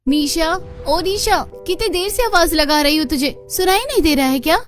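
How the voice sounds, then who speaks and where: A woman voicing a rich, bold young college friend in a cartoon, loud and outspoken. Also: sits high, lively intonation, moderate pace, soft background music. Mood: calling out. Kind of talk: cartoon voice acting.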